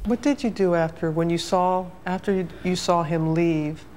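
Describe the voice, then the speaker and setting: A woman interviewer asking calm, direct questions for a news program. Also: fairly low pitch, moderate pace, a little hiss or hum.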